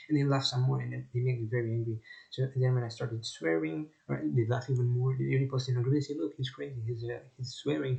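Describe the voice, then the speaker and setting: Man, solo vlogger, fast and emphatic delivery, low-key flat tone, muffled lo-fi sound. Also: vocal fry. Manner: insistent, emphatic, repeats himself. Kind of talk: unscripted monologue to camera.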